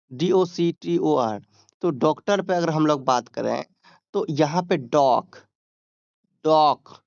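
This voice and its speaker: A man with a Hindi accent teaching an exam-prep lesson, explaining step by step, drawing out English words slowly and checking in with students. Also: a little high, darkish tone, clean tone, dry recording, dull audio. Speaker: exam tutor.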